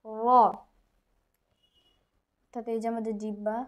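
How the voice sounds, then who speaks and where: A woman's voice: a little high, completely flat delivery, a little slow, mellow. A woman with a Bangladeshi Bengali accent teaching Quran recitation, patiently drilling each letter sound over and over. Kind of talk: slow tutorial with drilled syllables.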